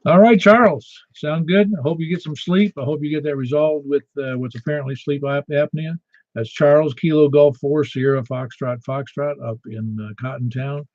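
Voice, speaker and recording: A man's voice: a little high, normal speed, darkish tone, dry recording. Chatty man hosting, slightly dull dry audio. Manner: chatty, informal. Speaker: ham radio net host. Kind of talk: casual net control chat.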